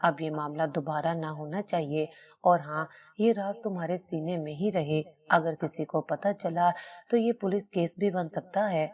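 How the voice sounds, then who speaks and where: Woman voicing a strict female doctor, blunt and stern, lowish mellow voice. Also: close to an everyday voice.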